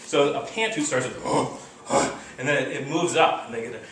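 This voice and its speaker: A man giving a classroom lecture in a large room, animated, mimicking animal calls and often checking in with "right?". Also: mid-range voice, fast talker. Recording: echoey hall, mic far off, faint noise.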